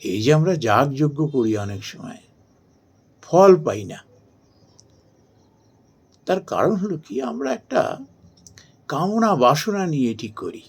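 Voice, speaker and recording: A man giving a slow, measured devotional talk and chanting verses. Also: on the high side, sing-song, creaky, husky. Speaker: spiritual speaker.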